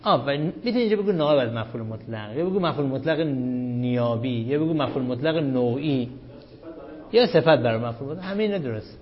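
A man's voice: medium pitch, animated. Man teaching grammar, quizzing his class. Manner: quizzing students with questions he then answers himself; chanting sentence analysis in a slow recitation cadence. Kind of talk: Arabic grammar lesson. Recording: dull lo-fi recording.

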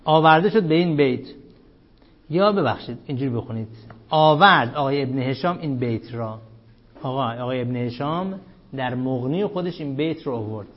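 A man teaching Arabic grammar in a classroom lecture, quizzing his students and chanting Arabic text slowly. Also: medium pitch, expressive. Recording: dull lo-fi classroom recording.

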